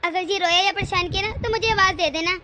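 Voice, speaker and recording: A woman's voice: extremely high pitch, fast, bright, forceful tone. A woman voicing a patient, dutiful elder daughter-in-law in a cartoon family drama, soothing and accommodating. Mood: placating.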